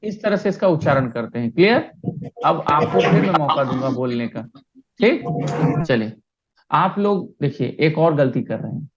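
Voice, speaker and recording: A man's voice: on the high side, animated, moderate pace, a loud crowd. Patient teacher man on a lo-fi video call. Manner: patient, keeps checking understanding. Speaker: primary school teacher. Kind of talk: online class lesson.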